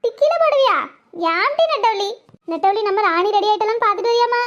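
A woman voicing a bossy village auntie, in an animated cartoon. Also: extremely high pitch, brisk, highs cut off. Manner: scolding, takes charge.

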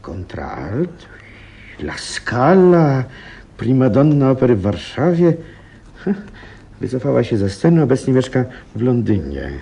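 A man acting a modest, obliging doctor, the detective's loyal companion in a radio play, husky and tentative. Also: mid-range voice, big pitch swings, measured pace, dark tone, heavily acted. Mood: reading out. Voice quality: husky, breathy.

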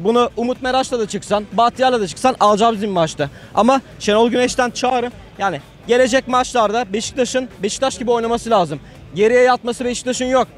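A man, a football fan, pressing his complaints in a heated street interview outdoors. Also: very high voice. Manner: pressing, rapid-fire complaints.

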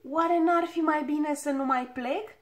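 A woman's voice: sits high, voice pushed up, natural voice. A woman voicing a timid, obliging little male dwarf who frets and pleads in a storybook reading. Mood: fretful.

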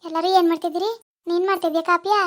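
A woman's voice: very high-pitched, steady tone, rapid-fire. A woman voicing a worried village mother asking questions. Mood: concerned. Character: caring middle-aged village mother on the phone.

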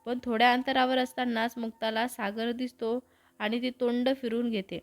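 A woman narrating a romantic story in a steady storytelling manner. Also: on the high side, normal speed, soft background music.

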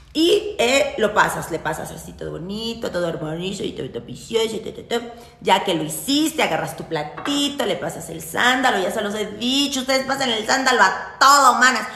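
A young Mexican woman explains a ritual in a casual, salty tone, joking with her viewers and laughing at her own lines. Her voice sits in a middle pitch. The room around her sounds echoey. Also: expressive, moderate pace, vocal fry, bright, forceful tone. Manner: chatty and salty, teasing her viewers with slang. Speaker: witchcraft teacher. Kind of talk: casual spoken ritual tutorial.

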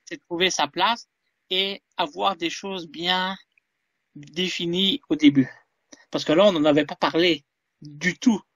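A man being interviewed over a video call, talking hesitantly with frequent pauses. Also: high voice, fairly even intonation, a bit bright, no echo, clean studio sound. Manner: hesitant, many fillers and restarts. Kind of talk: casual interview.

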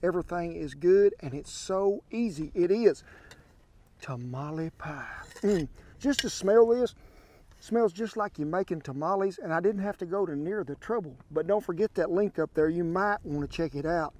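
Brief Older Southern man in his sixties, folksy cowboy drawl, slightly high voice, demonstrating cooking outdoors on a lapel mic. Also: moderate pace, dark tone. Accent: Southern US (Oklahoma). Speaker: cooking show host. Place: outdoor ranch camp by a pond, windy. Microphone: wireless lapel mic.

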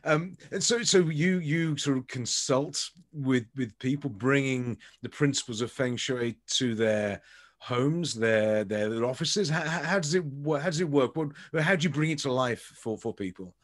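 A man's voice: medium pitch, normal speed. Rambling middle-aged male podcast host. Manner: rambling, repeats words when starting sentences. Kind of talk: video call interview. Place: home office with bookshelves. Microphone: video call.

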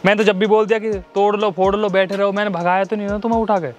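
A young man with a noticeably high voice argues in a staged street prank. He pleads, complains and then coaxes. Loud music plays over the outdoor recording. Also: little pitch movement, very fast, muffled recording. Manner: argumentative, pleading then coaxing.

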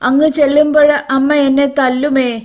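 A woman's voice: high voice, fairly even intonation, slow pace, lo-fi sound, pitched above the performer's own voice. A woman voicing a small, frightened poor girl who talks tearfully and pleads.

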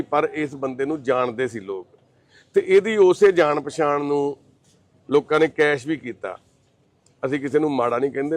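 Fairly high-voiced and reassuring, he hosts a troubled man, consoling him with warmth over casual conversation. Afterward, he speaks straight to the camera in an earnest, pleading way.

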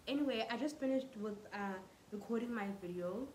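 Stuffy with flu, a twentysomething South African woman vlogs casually at home in her living room and bedroom, phone held at arm's length. Her slightly high, darkish voice is brisk and chatty with Setswana phrases mixed in, over a low-quality recording with slight hiss or hum.

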